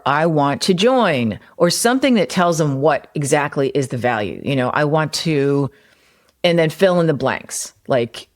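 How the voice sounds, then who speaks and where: A woman hosting a solo podcast, explaining marketing ideas in a conversational way with everyday examples. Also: sits low. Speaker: podcast host and copywriter; former personal trainer.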